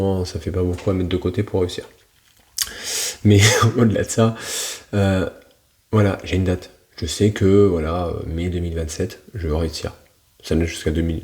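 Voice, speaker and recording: A man's voice: low voice, creaky, warm tone. A man coaching in a casual, slangy, blunt manner, talking straight to the listener. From France. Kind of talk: casual motivational talk.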